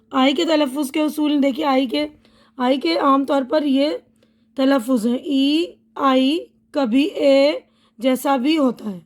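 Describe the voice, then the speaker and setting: Woman, English teacher, high voice, deliberate word-by-word drills. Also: darkish tone. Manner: patient, repeats each word with its meaning. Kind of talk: slow spoken-language lesson.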